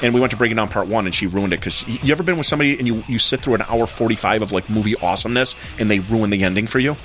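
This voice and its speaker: Podcast host, male, rapid rambling storyteller with a bright, forceful voice. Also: lowish voice, faint music behind. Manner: rambling animated storytelling, repeats words. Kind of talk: casual podcast banter.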